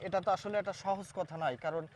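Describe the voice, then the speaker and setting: A man from Bangladesh hosts a local news interview and talks quickly, with a fairly high voice. He is halting and repetitive, restarting his sentences and filling the gaps with hesitations. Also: steady tone, noisy background. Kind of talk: on-camera interview with a timed demonstration.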